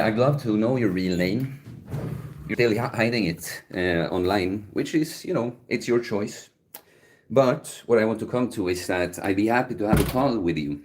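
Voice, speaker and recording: A man, his voice sitting a little low, talks casually to his livestream viewers. He muses aloud and answers their comments in a chatty way. Faint clicks can be heard in the background. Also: a little mellow, slight background noise. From Sweden. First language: Swedish. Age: 30s. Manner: musing, chatty, answers chat questions aloud. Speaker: livestream host.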